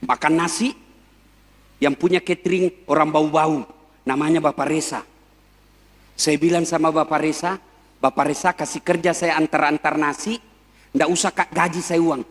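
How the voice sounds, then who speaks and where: A male preacher, giving a lively, joking sermon and speaking directly to a live crowd. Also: fairly high pitch, moderate pace, long pauses. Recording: long hall reverb.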